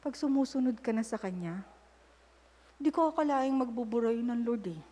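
A mellow voice on the high side belongs to a middle-aged woman giving a sermon at normal speed. In long hall reverb, she tells candid stories in both English and Tagalog and breaks into prayer aloud mid-sentence.

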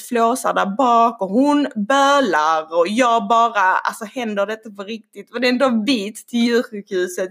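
Animated woman telling a story. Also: fairly high pitch. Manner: animated, swearing, acts out quotes. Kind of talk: casual storytelling.

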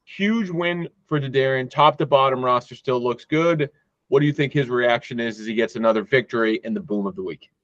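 A man's voice: mid-range voice, a little fast, a bit bright, no echo. A man hosting a casual chat among friends, running the segments and handing off questions to the others. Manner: hands off questions, runs the segments. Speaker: podcast host. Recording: dull lo-fi sound.

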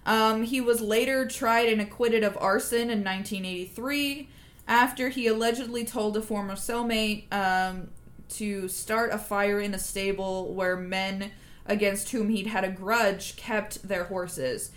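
A woman hosting a casual true crime podcast, telling the story in an animated way with swearing and laughter. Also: medium pitch, unhurried.

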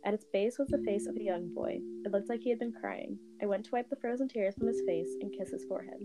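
A woman reads a first-person horror story aloud in an even, steady voice. She pauses now and then to chat with a friend. Soft guitar music plays behind her. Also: medium pitch. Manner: reads steadily, with fillers and laughs between passages. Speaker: story reader.

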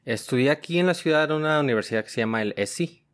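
A man's voice: a little high, expressive, quick pace, fairly bright tone. A man, a podcast guest talking in an easygoing, casual way and laughing often. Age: 20s. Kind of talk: casual interview chat.

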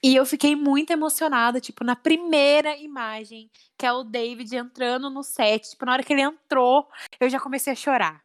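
A woman's voice: high voice, fairly even intonation, a little fast. Chatty young Brazilian-Portuguese-speaking woman. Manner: chatty, emotional, lots of fillers. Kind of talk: casual chat.

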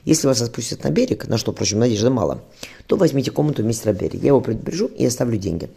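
A man reading as a calm, brave mother. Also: medium pitch, racing, vocal fry, breathy edge, full character voice. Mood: tender. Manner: calm, caring, firm. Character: brave, practical woman, ship's surgeon and mother.

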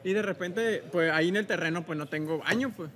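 A man's voice: high-pitched, fairly quick, a bit bright. A man, telling a joking, profane anecdote in casual podcast chat. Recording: busy crowd in the background.

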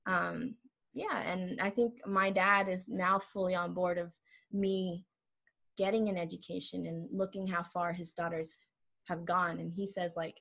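A woman's voice: fairly low pitch, level tone, a little slow, gravelly, a bit bright. A woman in her twenties from El Salvador, sharing her personal story as a guest, earnest and full of "um" and "like". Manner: earnest, frequent fillers like "um" and "like". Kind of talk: casual personal testimony.

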